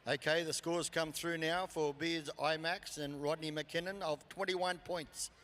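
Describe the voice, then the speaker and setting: A man's voice: on the high side, fairly even intonation, unhurried, a bit bright, a little hiss or hum. A man with an Australian accent giving live campdraft commentary as an arena announcer over a PA. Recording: PA echoing through large arena.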